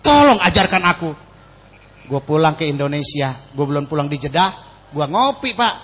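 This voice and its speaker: Jokey Betawi preacher in echoey mosque. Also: male voice, on the high side, expressive, fairly quick, fairly bright tone. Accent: Betawi (Jakarta). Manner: jokey, slangy storytelling. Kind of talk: humorous sermon.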